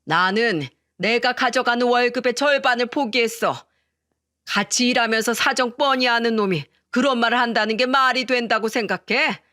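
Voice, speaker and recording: A woman voicing a stern older father who runs a company, scolding loudly in a spoken drama story. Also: no room sound, clean studio sound, close to an everyday voice. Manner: scolding, booming.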